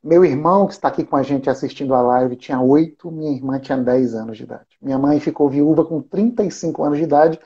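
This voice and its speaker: A man's voice: on the high side, fast, hardly any pauses, warm tone, lo-fi sound. A man hosting a live chat, responding with short, appreciative remarks and sharing his own story. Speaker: host. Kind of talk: live chat on social media.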